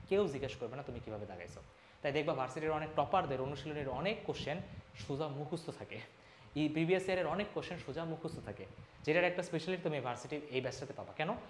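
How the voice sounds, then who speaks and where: A young man with a fairly high voice teaches an admissions class, delivering an energetic pep talk that pushes students forward. He speaks fast and emphatically, shifting between formal and informal address, in an echoey room with a faint hum in the background.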